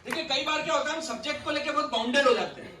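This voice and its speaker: A man with a very high voice gives a lively motivational talk and cracks jokes at his listeners. He is heard from a distance in a very echoey hall with faint noise behind him. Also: rapid-fire, over a noisy crowd. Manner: joking, asks the audience questions. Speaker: speaker at a youth leadership session. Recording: roomy echoey hall from far off.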